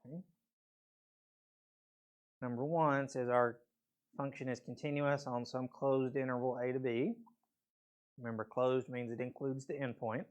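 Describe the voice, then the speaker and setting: A man's voice: medium pitch, level tone, a little slow, long pauses, muffled recording. A man teaching a math class, explaining step by step in a casual way with frequent okays, his voice a bit weak and a peppermint in his mouth. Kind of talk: classroom lecture.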